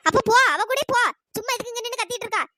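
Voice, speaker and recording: Shrill, sly cartoon village troublemaker, fast-paced, woman voice actor. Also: animated, pushed and bright, no room sound, studio quality, heavily acted. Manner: scolding, sly and gossipy. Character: meddling village woman stirring up fights. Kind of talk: cartoon voice acting.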